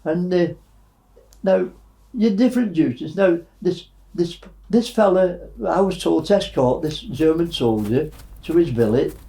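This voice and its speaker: Halting elderly man in his nineties. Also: a little high, creaky, dark tone, low-quality recording. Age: 90s. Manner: halting storytelling with many fillers. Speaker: war veteran. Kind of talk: recounting wartime memories.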